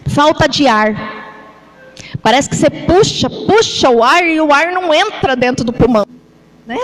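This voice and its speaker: A woman with a Brazilian Portuguese accent preaching a church sermon, talking conversationally and often checking in with the congregation with quick tag questions. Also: sits high, animated, low-quality recording. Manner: demonstrates with gestures while talking.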